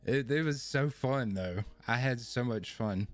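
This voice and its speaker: A man's voice: mid-range voice, unhurried, soft background music. A man hosting a podcast, telling his own story in a casual, rambling, self-deprecating way that often repeats phrases. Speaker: podcast host.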